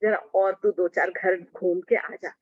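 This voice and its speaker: A woman's voice: mid-range voice, little pitch movement, a little slow, no room sound, lightly acted. A woman voicing a teasing, bossy young maiden companion guarding her mistress's door. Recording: dull lo-fi recording.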